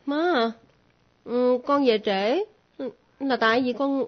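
A woman's voice: high voice, takes it slowly. A woman playing a teasing young daughter who hides a secret in a comic stage play. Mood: hesitant. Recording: muffled lo-fi recording.

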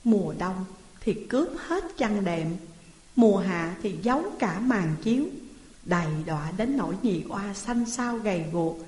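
A woman narrating a folk tale in a steady, measured way, in a roomy hall reverb. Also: medium pitch. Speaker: storyteller.

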